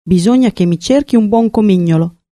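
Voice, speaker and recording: A woman's voice: mid-range voice, warm tone, no room sound, studio quality, natural voice. A woman voicing an impulsive, vain young male swallow in a storybook reading. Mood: fussy. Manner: brisk, fussy, self-important.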